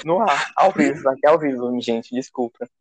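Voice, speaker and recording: Guy running a podcast, bossy and teasing, normal pitch. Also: animated, moderate pace, breathy edge, poor audio. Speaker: podcast host. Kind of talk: casual podcast chat.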